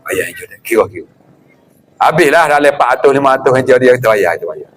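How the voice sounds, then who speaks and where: A middle-aged man with a Patani Malay accent giving a lively religious lecture, acting out greetings and chuckling often. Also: mid-range voice, quick pace, slight background noise. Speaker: religious teacher.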